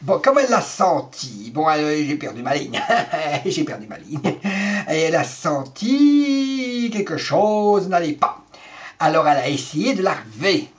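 A man's voice: on the high side, very animated, measured pace. A man rambling through a gossip monologue as a vlogger, repetitive and chuckling. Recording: dull lo-fi recording.

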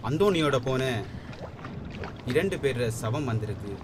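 A man's voice: mid-range voice, lively intonation, a little slow, slight background noise, natural voice. A man acting an authoritative, reassuring employer in an old-fashioned radio drama, earnest and declamatory. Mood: grave. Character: authoritative, reassuring boss, benefactor of workers' families.

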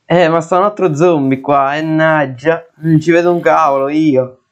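A man's voice: fairly high pitch, fairly even intonation, moderate pace. A young man giving let's play commentary, jittery and often exclaiming and swearing in fright. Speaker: gaming video creator. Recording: dull lo-fi sound.

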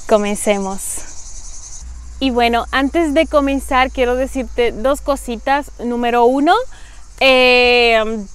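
Dominican woman in her twenties, clear and smooth. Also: a little high, slow pace. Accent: Dominican Spanish. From Dominican Republic. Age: 20s. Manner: earnest, heartfelt, talks with her hands. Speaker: vlogger. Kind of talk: personal reflective vlog. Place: outdoors in a sunny garden. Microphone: lapel mic.

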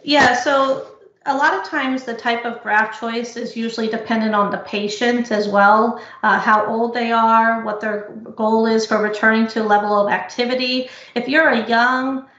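A higher-pitched woman gives an academic talk in a calm, explanatory way, pausing often with small fillers. Her voice comes through a video call mic that sounds dull and roomy. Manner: explanatory, measured, frequent uh fillers. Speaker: physical therapy researcher presenting. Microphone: computer mic on video call. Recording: echoey lo-fi video call audio.

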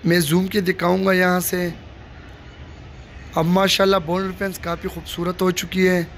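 Holding a phone camera, a man tours a stadium under construction on foot, offering a vlogger's construction updates. His voice is high and a bit bright, mostly even in pitch and moderately paced, and he talks directly to viewers with repetitive showing phrases over faint outdoor noise.

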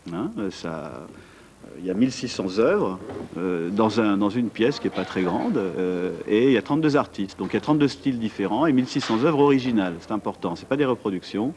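A man in his forties, guesting at a studio desk mic for a TV interview, chats about the art events he organizes with lots of fillers and restarts. His voice is lowish, expressive and darkish, and his pace fairly quick. A little hiss or hum can be heard.

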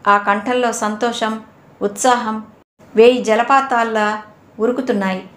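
A woman narrating a novel in a steady, measured storytelling manner. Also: on the high side. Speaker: audiobook narrator. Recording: roomy echo.

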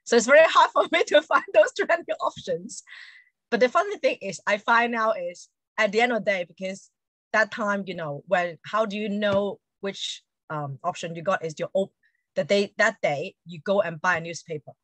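In a mid-range, fairly bright voice at normal speed, a woman in her forties with a Hong Kong accent talks casually as a guest, frequently dropping in "you know." She's a Montessori educator joining the interview by video call from an indoor room at home, and there's no echo.

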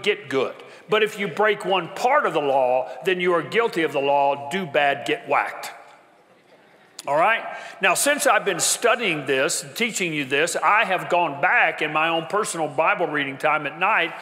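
A male pastor with a high, bright voice preaches in a church, leaning on repeated phrases and rising to a shout. Long reverb from the sanctuary trails his words. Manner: emphatic, repetitive preaching cadence, builds to shouting. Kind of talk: sermon.

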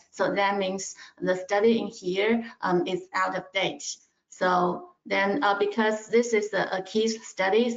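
A woman in a mid-range voice narrates a screen-share software demo, pausing often with fillers. The sound is roomy and dull, like video call audio from a screen recording. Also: mid-range voice. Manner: hesitant, many fillers. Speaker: analyst presenting software.

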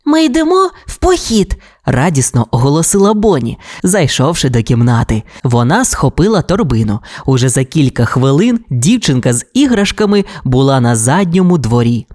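Woman narrator, low voice, lively melody, children's audiobook. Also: moderate pace, hardly any pauses. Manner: expressive, animated storytelling.

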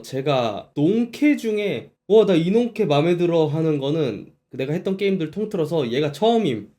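A man's voice: fairly high pitch, dark tone. A man giving casual, chatty reaction commentary on game footage as a streamer.

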